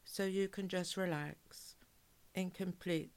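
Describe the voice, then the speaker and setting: A woman guiding a relaxation hypnosis in a calm, measured, soothing way, with soft, breathy phrase endings. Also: fairly low pitch. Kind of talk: guided relaxation hypnosis, soothing scripted narration.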